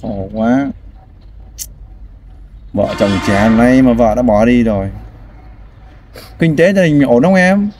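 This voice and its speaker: Male host, warm low tone, coaxing, sighing interviewer; light background noise. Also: takes it slowly, pauses often. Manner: prompting, sympathetic, sighs often. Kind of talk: street interview, casual and caring.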